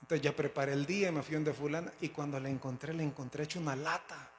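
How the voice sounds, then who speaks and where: Preacher man, slightly high voice, reverberant hall. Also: steady tone, quick pace, slight background noise. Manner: dramatic storytelling, voice swelling and dropping to build suspense. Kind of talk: storytelling sermon. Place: church sanctuary. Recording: long church hall reverb.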